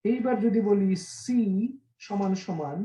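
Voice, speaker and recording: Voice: mid-range voice, lively intonation, unhurried, warm tone, rough recording. A programming teacher giving an online class lesson, explaining by stringing several synonyms together and often checking in with the class. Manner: asks the class frequent check questions.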